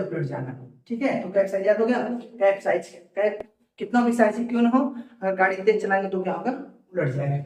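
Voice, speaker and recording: His voice sits high and sounds a little mellow, distant and echoing around the room he's recorded in. He's running an exam-prep vocabulary lesson, drilling each word by posing a question and then answering it.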